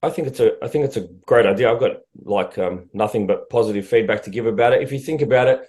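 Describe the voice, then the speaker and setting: A blunt man co-hosting a fitness coaching podcast, speaking quickly in a casual, loose chat. He swears offhandedly and keeps a medium pitch. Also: darkish tone. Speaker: prep coach podcast host.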